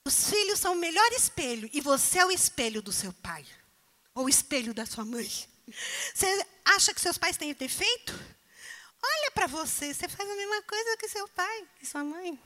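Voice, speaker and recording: A woman's voice: very high-pitched, very animated, normal speed, bright, forceful tone. A woman preacher delivering a sermon, pressing the congregation with emphatic rhetorical questions.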